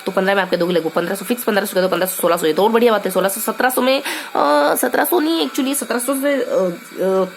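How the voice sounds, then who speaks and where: A woman's voice: medium pitch, brisk, gravelly, few pauses, a little hiss or hum. Chatty young woman teaching with memory tricks. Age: young adult. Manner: chatty and playful, thinking aloud with many fillers. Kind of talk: casual Hindi lesson with memory tricks.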